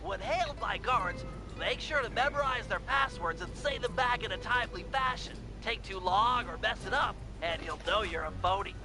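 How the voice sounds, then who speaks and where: Squeaky-high brainy planner, precise radio briefings, game music under it. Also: male voice, animated, moderate pace. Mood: earnest briefing. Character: brainy, careful male heist planner on the radio. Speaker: heist planner giving radio instructions.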